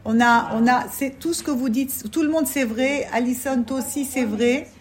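High-voiced woman teaching a lively class. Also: normal speed. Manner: lively, asks rhetorical questions, checks in with "d'accord?". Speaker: religious teacher. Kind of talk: Torah class for women.

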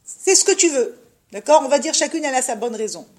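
A woman teaches a religious class to a group of women in an unheated room. She speaks in a fairly high voice and gets animated as she explains. She often turns to her listeners with direct questions. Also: fast talker.

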